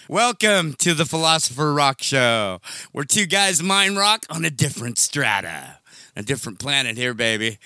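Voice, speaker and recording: A man in his sixties introducing a radio show and telling rock-fan stories with excitable, drawn-out exclamations. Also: medium pitch, clear, resonant tone, dry recording. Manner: excitable, drawn-out "oh yeah" catchphrases. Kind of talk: enthusiastic radio intro and storytelling.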